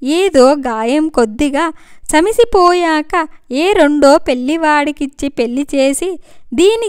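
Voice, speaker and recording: A woman's voice: high-pitched, no room sound, studio quality. A woman voicing a worried middle-aged mother who speaks in an emotional, pleading way. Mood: anxious.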